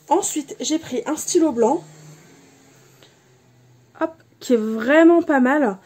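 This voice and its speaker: A woman hosting her crafts channel, chatting casually through a haul of supplies, halting often with fillers and restarts. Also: high voice, mellow, husky. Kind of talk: casual product haul chat.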